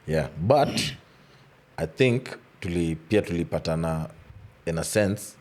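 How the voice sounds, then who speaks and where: Man, Kenyan accent, very low pitch, playful, boastful, casual chat, code-switching rapper. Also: animated, takes it slowly, darkish tone. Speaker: rapper, podcast guest. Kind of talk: casual chat mixing Swahili and English.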